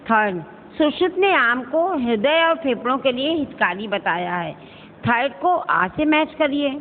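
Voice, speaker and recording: A woman's voice: high-pitched, animated, measured pace. Patient woman teacher on a tinny recording. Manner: patient, explains step by step, addresses students as beta and checks if they understand. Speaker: school Hindi teacher. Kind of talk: recorded online lesson going through a worksheet. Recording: echoey, tinny phone-like recording with faint hiss.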